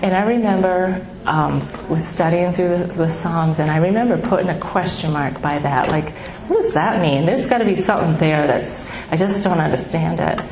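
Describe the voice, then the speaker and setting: At a grief support gathering, a middle-aged woman with a lowish voice, soft and small, which she describes as baby-like, shares her personal story with the audience. She speaks haltingly, restarting and saying um often, with real feeling. The echoey hall is noisy.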